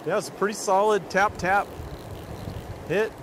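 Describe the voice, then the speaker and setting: A man's voice: sits high, steady tone, measured pace, background noise. A man fishing alongside a friend outdoors on a river, chatting casually with enthusiastic remarks. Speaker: fishing companion. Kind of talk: casual chat while fishing.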